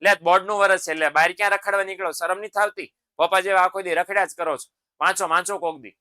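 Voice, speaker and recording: A man's voice: sits high, fairly even intonation, fast talker, bright, forceful tone, dry recording, studio quality. A man playing a nagging older male relative who scolds and mocks a student. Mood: scolding. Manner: scolding, mocking.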